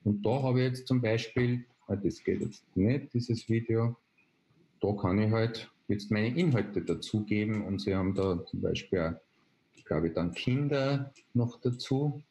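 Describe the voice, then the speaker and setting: A man, explaining a software tool step by step on a video call, with frequent hesitation fillers. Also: on the low side, measured pace, slight background noise. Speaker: presenter. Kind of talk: online webinar demonstration. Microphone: video call webcam.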